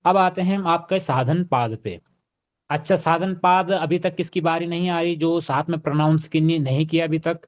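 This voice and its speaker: A man teaching an online class, correcting his students' pronunciation and leading them through slow, deliberate Sanskrit recitation. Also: on the high side, highs cut off. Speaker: yoga chanting teacher.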